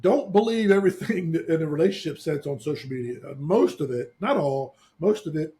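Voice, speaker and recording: A man's voice: fairly high pitch, expressive, fairly quick, dark tone. A middle-aged man co-hosting a casual talk show, earnestly giving life advice, often restarting his sentences. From Eastern Shore, US. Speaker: podcast co-host. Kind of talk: casual chat.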